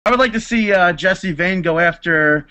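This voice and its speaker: Male guest, bright tone, hesitant delivery, casual video-call chat. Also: high-pitched, moderate pace, clean tone. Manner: hesitant, many "uh" fillers.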